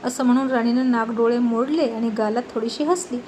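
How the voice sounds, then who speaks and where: Lady telling a story, high voice, lively, does all the voices, faint hiss behind. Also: brisk, rough recording. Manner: lively, animated narration with raised voice for quarrels. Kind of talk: narrating a story, voicing all characters.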